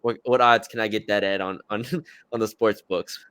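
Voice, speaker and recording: A man's voice: on the low side, fairly even intonation, moderate pace, pushed and bright, clear, resonant tone, dry recording. A man co-hosting a sports podcast, chatting casually about football picks with fillers and restarts. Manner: conversational, hesitant with fillers and restarts.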